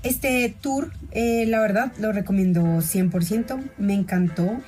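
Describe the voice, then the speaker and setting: A young woman tells a relaxed travel story on her podcast. She speaks in a chatty, friendly way at a middle pitch and talks straight to her listeners. Soft music plays faintly under her voice. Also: measured pace. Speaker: podcast host.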